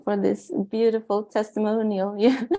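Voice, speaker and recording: Swedish-accented woman author reading her book aloud, gravelly and mellow, flat delivery. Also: mid-range voice, rough recording. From Sweden. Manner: earnest, measured, with small restarts. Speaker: author and guest.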